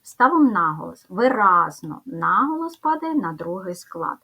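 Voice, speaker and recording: Slow, bright-voiced woman teaching first grade. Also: mid-range voice, sing-song, husky. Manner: deliberate, sounding out letters one by one. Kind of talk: slow, careful first-grade spelling lesson.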